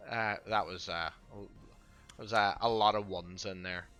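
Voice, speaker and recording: A man's voice: on the low side, steady tone, a little slow, fairly bright tone, clean tone, dull audio, faint music behind. A man narrating a tabletop game as game master, improvising with hesitant, chatty asides.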